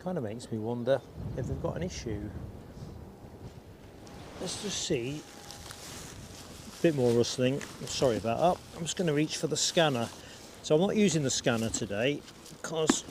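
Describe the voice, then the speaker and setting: He speaks at normal speed with lively intonation and long pauses, his voice sitting in the mid range. The man is hosting an outdoor live stream near an airport, casually chatting and reading out viewer comments, with passing vehicles and outdoor ambience clearly heard.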